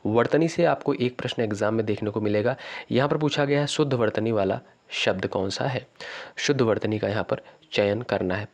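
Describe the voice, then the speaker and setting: A man teaching an exam-prep lesson. He reads each quiz question slowly, often says it twice, calls his viewers friends and repeats the correct option. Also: on the low side, creaky. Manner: repeats questions slowly, stretches words, keeps saying "friends".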